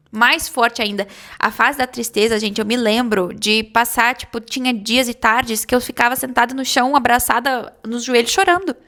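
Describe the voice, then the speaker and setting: A woman's voice: a little high, fairly bright tone. A woman speaking earnestly and reassuringly to her viewers in a heartfelt vlog. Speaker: vlogger. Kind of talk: heartfelt talk to camera.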